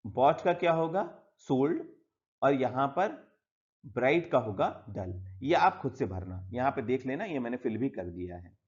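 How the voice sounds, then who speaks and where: Male teacher, mid-pitched, bilingual Hindi-English lesson, step-by-step explaining, slightly dull lo-fi audio. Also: big pitch swings, unhurried. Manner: explains step by step, often saying "yahan pe" and "theek hai"; mixes Hindi with English words.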